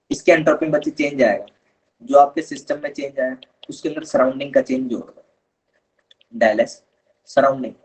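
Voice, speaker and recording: Guy teaching chem in a live class, kinda husky, patient, keeps calling the students kids. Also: mid-range voice, poor audio. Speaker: chemistry teacher. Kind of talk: live online lecture.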